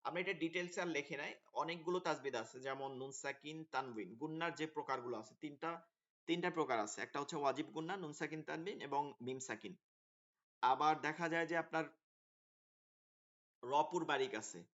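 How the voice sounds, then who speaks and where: A man's voice: a little high, normal speed, fairly bright tone. A man teaching an online Quran course, explaining the class plan in a hesitant way with many fillers over a video call. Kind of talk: online class orientation talk. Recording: dull lo-fi call audio.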